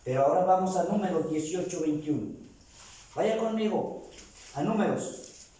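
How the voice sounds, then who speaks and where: Pastor guy preaching, kinda high voice, super echoey church, mic far off. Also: lively intonation, moderate pace, mellow. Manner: preaching, asks the congregation questions and draws amens. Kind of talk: sermon. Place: church hall.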